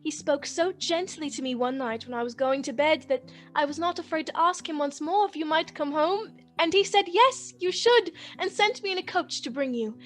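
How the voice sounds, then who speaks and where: Woman as Little Fan, very high-voiced eager girl. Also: moderate pace, hardly any pauses, soft background music, close to an everyday voice. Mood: joyful. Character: eager, affectionate little girl, devoted younger sister. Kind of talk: theatrical radio play acting.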